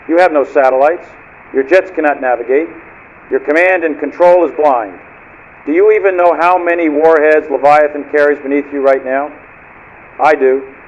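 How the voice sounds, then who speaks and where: A man voices a cold rogue submarine commander answering over marine radio in a slightly raised voice. He speaks slowly and with menace, each line set down like a pronouncement. The sound is dull and lo-fi, with a faint hiss under it. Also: on the high side. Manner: measured, menacing, declamatory.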